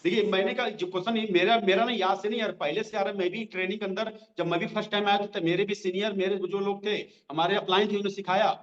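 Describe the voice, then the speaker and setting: A man running a direct selling training session, talking directly to his listeners and repeating each line slowly so they can write it down. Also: high voice, fairly even intonation. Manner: repeats lines slowly for note-taking; conversational, addresses listeners directly. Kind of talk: sales training lesson. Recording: dull lo-fi sound.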